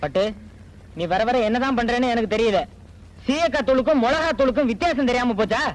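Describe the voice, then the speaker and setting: An actor playing a weary village husband calming his shouting wife, in a 1980s film. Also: very high voice, quick pace, a little hiss or hum, rough recording. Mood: placating. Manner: soothing, placating. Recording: film soundtrack, faint music.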